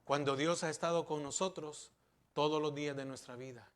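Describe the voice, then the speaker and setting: A man's voice: a little high, steady tone, moderate pace. A man pastor preaching a sermon, asking rhetorical questions and repeating key words for emphasis.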